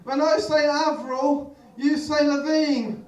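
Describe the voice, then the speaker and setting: A man performing live stand-up comedy, delivering deadpan one-liners and leading the audience in call-and-response. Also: extremely high pitch, slow. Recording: roomy live room, far from mic, crowd noise.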